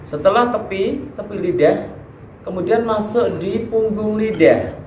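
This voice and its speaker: A man's voice: sits high, a little slow, darkish tone. A man teaching a Quran recitation class, patiently explaining letter articulation, asking students questions and demonstrating sounds. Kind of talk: tahsin lesson on letter articulation. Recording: echoey room, background noise.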